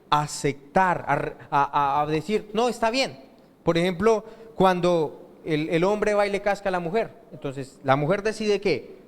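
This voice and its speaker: A male pastor delivers a sermon, pausing to ask the congregation questions and let them finish his sentences. His voice sits a little high for a man. The sound carries the long reverb of a church hall. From Colombia. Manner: asks rhetorical questions and lets the congregation fill in the answer.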